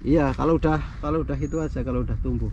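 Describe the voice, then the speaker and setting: Man, farmer, relaxed short answers, dull outdoor recording, faint country noise. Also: medium pitch, very fast. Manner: relaxed, plain-spoken, brief answers. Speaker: farm owner. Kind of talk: casual chat. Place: outdoors in a grass field on a farm.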